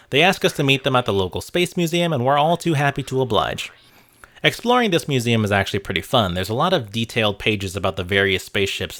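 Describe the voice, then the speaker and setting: Over a music bed, a man reads a scripted video essay in a mid-range, slightly bright voice. He keeps things wry and conversational, tossing in asides and now and then a relaxed curse word.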